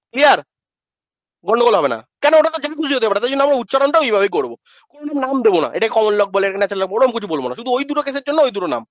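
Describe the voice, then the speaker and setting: A male math teacher giving a classroom lecture, asking questions and answering them himself as if he were a student, and drilling pronunciation slowly. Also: sits high, no room sound. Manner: asks and answers his own questions in students' voice. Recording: dull lo-fi dry sound.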